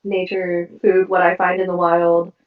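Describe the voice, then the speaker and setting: A woman's voice: lowish voice, completely flat delivery, measured pace. A woman playing in a tabletop game over a voice call, easygoing and playful. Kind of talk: casual in-character play talk. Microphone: online voice call. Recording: roomy, distant, lo-fi call audio.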